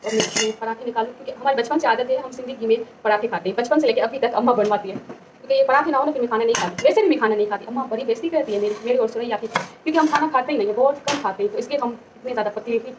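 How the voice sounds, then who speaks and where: Young woman, fast chatty vlog talk, highish voice, clattering dishes behind. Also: far from the mic. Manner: quick, chatty, talks fast by her own account. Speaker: vlogger. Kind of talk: casual vlog chat. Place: home kitchen with dishes about. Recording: home video with noisy background.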